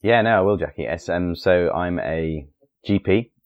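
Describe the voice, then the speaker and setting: A man's voice: sits low, normal speed, highs cut off. A middle-aged man answering interview questions conversationally, often hesitating and rephrasing as he goes. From Essex, England. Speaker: guest, family doctor.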